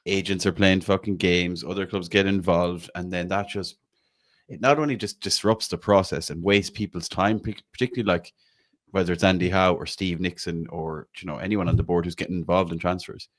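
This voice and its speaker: An Irish man hosting a fan podcast, chatting casually about football with lots of "like" and the odd swear. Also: low voice. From Ireland. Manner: chatty, says "like" a lot. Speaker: podcast host.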